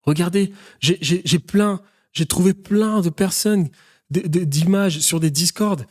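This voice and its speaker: Husky, urgent male business coach. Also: high-pitched, unhurried, darkish tone. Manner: direct, urgent, exhorting. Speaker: business consultant. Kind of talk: motivational business talk.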